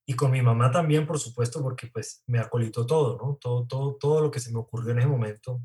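A man's voice: medium pitch, quick pace, mellow. A man, an actor being interviewed, answering in an earnest, reflective way. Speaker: actor guest.

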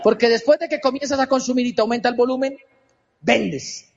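A man's voice: very high voice, a little fast, vocal fry, in a large hall, highs cut off. A man giving a motivational business seminar talk, emphatic and repetitive, with rhetorical questions. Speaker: business speaker.

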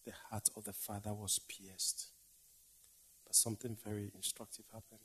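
A man preaching a dramatic sermon, swinging from loud declaiming to hushed whispers in a slow, repetitive cadence. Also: lowish voice, flat delivery, slightly rough.

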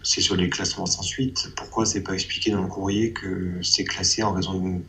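A man's voice: low voice, flat delivery, moderate pace, sharp tone, poor audio. A man giving a hesitant personal testimony in an interview, often repeating and restarting his phrases.

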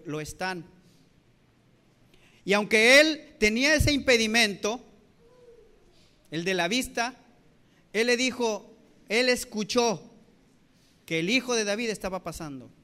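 Guy preaching a sermon, high bright voice, goes loud then soft, repeats himself a lot. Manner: impassioned preaching, acting out voices. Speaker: pastor.

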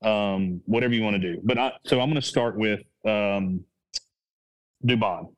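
Rambling and thinking aloud, a sports podcast host keeps restarting his sentences and correcting himself on his casual show. He's an adult with a child, speaking at a moderate pace in a lowish voice, with poor audio.

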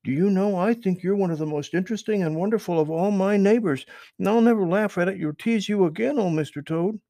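A man's voice: sits high, fairly quick, mellow, no room sound, pitched above the performer's own voice. A man voicing Peter Rabbit, an eager and apologetic young male rabbit, in an earnest, pleading storybook reading. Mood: admiring. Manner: earnest, pleading, wide-eyed.

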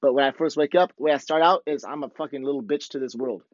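A podcast host with a hoarse, worn-out, mid-range voice talks fast, delivering a rambling, candid motivational monologue thick with profanity. The recording is dull and lo-fi with a roomy echo.

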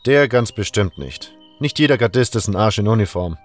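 A man voicing a calm, friendly young male hunter and armor maker who talks in an easygoing, matter-of-fact way. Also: on the low side, a little fast, soft background music, lightly acted.

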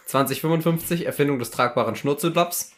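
A man hosting a casual podcast, playfully reading out a list and chatting to distract his co-host. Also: on the high side. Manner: playful, deliberately distracting with counting. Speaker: podcast host running a memory game.

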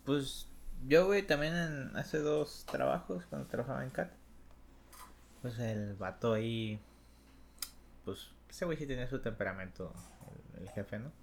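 A man's voice: medium pitch, a little slow, gravelly, long pauses, slight background noise. Slangy Mexican man telling a story. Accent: Mexican Spanish. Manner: slangy, animated, acts out voices in anecdotes. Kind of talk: casual storytelling chat.

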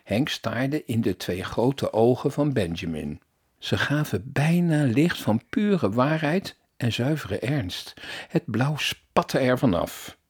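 A male storyteller reading a children's book aloud with animated expression. His voice is husky, moves through a lively range, and sits at a middle pitch. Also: slow pace.

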